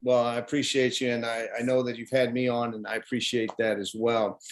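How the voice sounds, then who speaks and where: A man's voice: medium pitch, flat delivery, brisk. A man hosts a casual interview, speaking in a friendly, rambling way. He pads his questions with uhs and you-knows. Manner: friendly, chatty, many uhs. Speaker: interview host.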